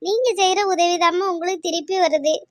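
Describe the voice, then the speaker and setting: A woman plays a caring young neighbour in a cartoon who coaxes and reassures an old couple, speaking. Her voice is very high and fast, recorded close and dry. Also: fairly even intonation, dry recording. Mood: reassuring. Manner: coaxing and reassuring.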